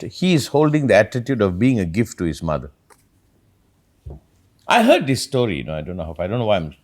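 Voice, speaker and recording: A man hosting a reflective talk, an animated storyteller who acts out quotes as he rambles through his points. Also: medium pitch. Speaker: podcast host.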